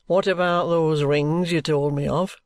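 Brief: reader playing a brisk, knowing detective; firm questions, dry studio. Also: medium pitch, steady tone, no echo, close to an everyday voice. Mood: probing. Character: shrewd, brisk male police detective.

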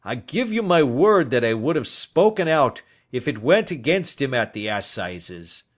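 A man voicing a weary, bitter, dying old man in an audiobook, speaking with a heavy, emphatic, drawn-out manner. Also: medium pitch, sing-song, pitched above the performer's own voice. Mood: anguished. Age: older. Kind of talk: audiobook character acting.

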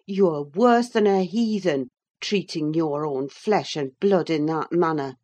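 A woman's voice: lowish voice, expressive, a little slow. A woman voicing an indignant, protective housekeeper. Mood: angry. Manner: pleading, raised and sharp. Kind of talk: audiobook character reading.

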